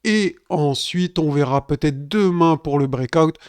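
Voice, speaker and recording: A man's voice: fairly high pitch, measured pace, clear, resonant tone, no echo. Chatty man, dry close sound. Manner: chatty, addresses viewers as "les gars". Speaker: crypto trading streamer. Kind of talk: casual live market analysis.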